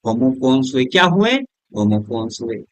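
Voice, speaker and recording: A man with Hindi-accented English, teaching a lesson at a board, asking questions and answering them himself, softer and lower on each answer word. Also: animated, moderate pace, dry recording. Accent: Hindi-accented English words. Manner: drops low and soft on the answer words; keeps checking with "is that clear?".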